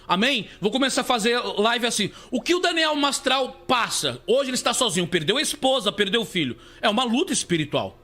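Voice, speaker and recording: A man's voice: very high voice, big pitch swings, a little fast, hardly any pauses, pushed and bright. A man with a Brazilian Portuguese accent, a bishop giving a live preaching testimony, repeating himself and calling listeners beloved. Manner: repetitive, calls listeners "beloved", many restarts.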